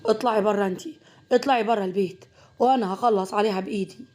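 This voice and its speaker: A woman's voice: mid-range voice, racing, close to an everyday voice. A woman voicing an enraged middle-aged father who rages at his wife, with an Egyptian Arabic accent. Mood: raging. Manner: raging, shouting.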